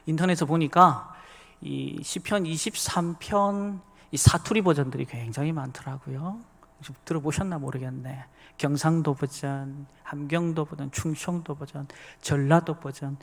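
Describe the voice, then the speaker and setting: A man preaches a sermon and chats directly with his congregation. His voice sits fairly high. A long reverb from the church sanctuary trails each phrase. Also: steady tone, normal speed, vocal fry. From Busan, South Korea. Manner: chatty, speaks directly to the congregation. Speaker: associate pastor. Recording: long reverb of a large hall.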